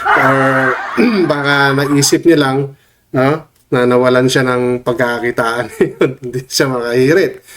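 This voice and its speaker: A man's voice: medium pitch, slow pace, heavy background noise. A man vlogging casual commentary while he has a cold that changes his voice, often checking in with his viewers mid-sentence. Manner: chatty, tags lines with questions to viewers. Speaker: vlogger commenting on online drama.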